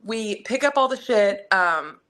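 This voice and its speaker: Bright-voiced woman telling a rambling story. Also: medium pitch, a little slow. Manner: rambling, animated storytelling with many fillers. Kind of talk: casual podcast chat.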